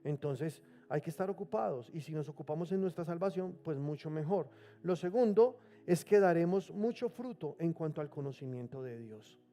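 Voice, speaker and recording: A male pastor preaching a sermon, reading scripture slowly and with emphasis and calling on the congregation to repeat words after him. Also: a little high, expressive, dark tone, faint music behind.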